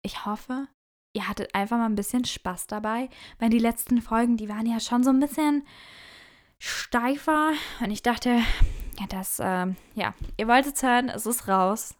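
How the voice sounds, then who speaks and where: A woman's voice: on the high side, moderate pace. A young woman hosting a podcast, casually telling a dating story to her listeners and acting out both sides of the dialogue. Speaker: podcast host.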